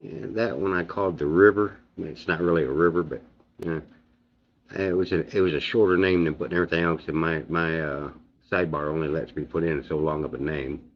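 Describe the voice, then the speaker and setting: Deep-voiced man with gummy, toothless speech. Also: fairly even intonation. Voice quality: toothless, gummy, slightly sputtering articulation. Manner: halting, folksy. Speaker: video channel host. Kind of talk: casual rambling vlog talk. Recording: dull, muffled lo-fi sound.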